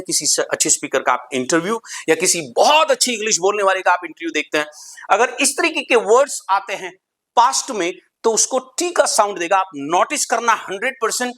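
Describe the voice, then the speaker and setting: A man's voice: high-pitched, pushed and bright. A man teaching English pronunciation in a lesson. He asks questions, answers them himself, and spells words out letter by letter. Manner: repeats rules for emphasis.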